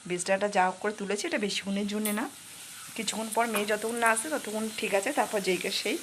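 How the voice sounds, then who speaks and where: Soft-spoken woman vlogging at home. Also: mid-range voice, fairly even intonation, racing. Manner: speaks softly so her sleeping daughter stays asleep. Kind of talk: casual daily vlog chat. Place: home kitchen, indoors. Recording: home recording with noisy kitchen sizzle.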